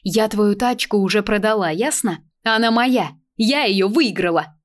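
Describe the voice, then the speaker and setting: A woman voicing a stubborn, sharp-tongued young woman who snaps back in a raised, defiant voice. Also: a little slow, natural voice. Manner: shrill, defiant.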